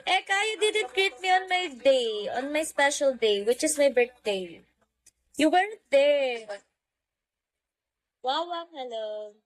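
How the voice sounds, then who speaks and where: A woman's voice: high-pitched, expressive, slow, long pauses, poor audio. A woman hosting a casual livestream, chatting and greeting viewers by name. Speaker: livestream host. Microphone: phone.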